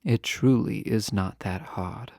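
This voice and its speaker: Pitched on the low side and gravelly, a man gives an exaggerated performance as a refined fantasy ruler, guarded yet fond, in a romantic audio roleplay. His phrases are formal and measured, with teasing asides, and his tone is darkish. The clip is studio quality without echo.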